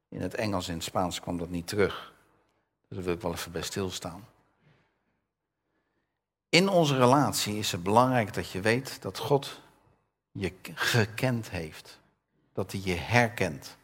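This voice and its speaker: A man's voice: lowish voice, slightly rough. An older man preaching a conversational sermon, reading Bible verses aloud and asking his listeners questions. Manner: conversational, asks the audience questions; reads scripture with raised voice.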